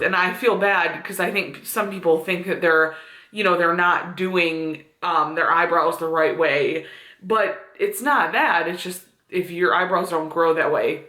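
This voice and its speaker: A young woman in her twenties talks casually to camera at home, rambling with fillers and easy laughs. Her voice is bright and forward, and the room around her rings with echo. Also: fairly low pitch. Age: 20s. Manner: chatty, with frequent fillers and laughs. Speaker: beauty vlogger. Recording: echoey room.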